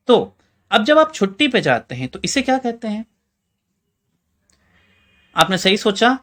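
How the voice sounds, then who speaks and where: A man with an Indian Hindi accent teaches in a chatty lesson style, his voice sitting high for a man. He keeps putting questions to the listener and calls them friends as he explains each word. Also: a bit bright. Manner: quizzes the viewer with rhetorical questions. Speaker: English teacher.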